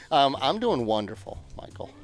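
A man's voice: medium pitch, vocal fry. A man hosting a casual podcast with his brothers, upbeat and loose, often trailing off with fillers. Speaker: podcast host. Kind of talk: casual chat among brothers.

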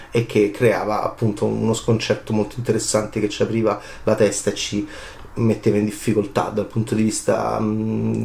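A man in his forties giving a passionate film commentary monologue, animated, full of rhetorical questions and leaps in pitch. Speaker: film critic. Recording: roomy echo.

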